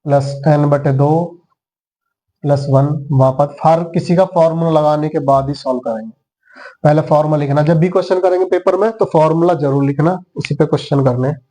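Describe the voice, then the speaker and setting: A man's voice: on the high side, a little fast, mellow. A man teaching maths who talks students through each step and counts the items aloud. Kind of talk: classroom lesson.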